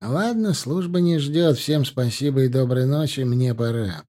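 A man voicing a calm, stern counterintelligence captain who speaks in an impassive, measured way. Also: close to an everyday voice. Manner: impassive, measured, slightly higher pitch.

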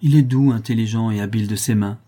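A man reading aloud, voicing an outspoken middle-aged peasant widow in a raised, husky voice. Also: fairly low pitch, quick pace, mellow, lightly acted. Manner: outspoken, defiant.

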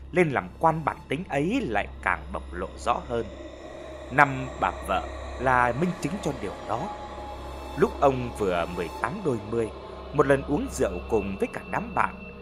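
A man narrating an audio story in a measured, expressive storytelling manner. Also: mid-range voice. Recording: narration over background music.

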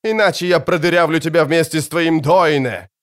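A man's voice: a little high, fairly quick, a bit bright, voice pushed up, lightly acted. A man voicing a cold, cruel male elf commander who drawls his words in a sinister, mocking way. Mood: barking.

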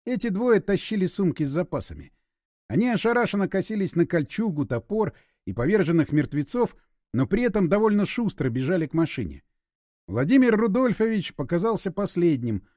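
A man narrating an audiobook with an expressive, dramatic reading. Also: sits high, fairly quick, no echo, clean studio sound.

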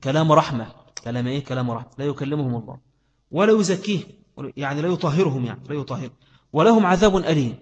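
A man's voice: mid-range voice, very fast, muffled recording. A man with an Egyptian Arabic accent giving a religious lesson, stressing points by repeating phrases and asking rhetorical questions. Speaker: preacher. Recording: long hall reverb.

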